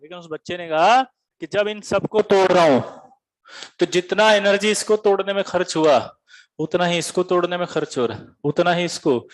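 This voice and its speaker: A man's voice: high-pitched, normal speed. A man from Bihar, a teacher giving a comic classroom lecture, quizzing students and telling stories with animation. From Bihar, India.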